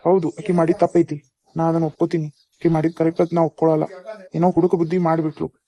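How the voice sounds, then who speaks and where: A man with a North Karnataka accent voicing a calm, advising father-in-law in a cartoon. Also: on the high side, fast talker, lightly acted. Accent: North Karnataka Kannada. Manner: advising, steady. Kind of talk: cartoon voice acting.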